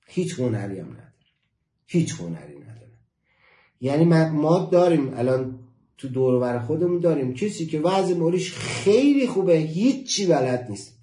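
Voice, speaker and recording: A man giving a motivational class talk, emphatic, repeating key phrases and slowing down to stress his points. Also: on the high side, warm tone, echoey room. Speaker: motivational teacher.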